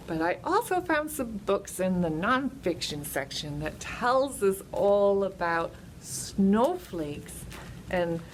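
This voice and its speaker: A woman's voice: medium pitch, slight background noise, low-quality recording. A woman hosting a children's storytime as a librarian, speaking and singing in a sing-song way to young children. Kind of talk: children's storytime, sing-along and simple explaining.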